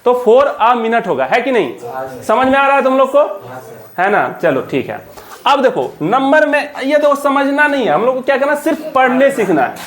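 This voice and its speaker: A woman's voice: high-pitched, very animated. A woman teaching an English reading lesson, spelling words letter by letter and drilling pupils with repeated questions. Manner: drills students with repeated call-and-response questions; reads English slowly word by word. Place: classroom. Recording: noisy classroom crowd. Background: class of children responding.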